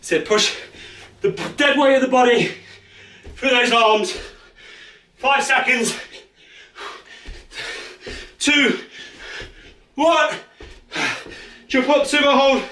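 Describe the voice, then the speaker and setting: A man's voice: very high-pitched, takes it slowly, long pauses, pushed and bright. A man, out of breath, coaching a follow-along home workout with urgent encouragement and countdowns. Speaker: fitness instructor. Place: small space at home. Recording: echoey room, far from mic.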